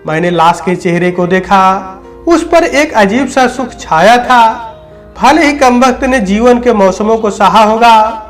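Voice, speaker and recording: A man narrating a scripted, emotional story in a solemn, measured way. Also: sits high.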